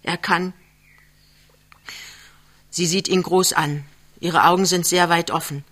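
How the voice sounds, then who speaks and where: A man reads a novel aloud as the narrator, calm and even. His voice sits fairly high and has a bright, crisp edge. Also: normal speed. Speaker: audiobook reader. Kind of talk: scripted narration.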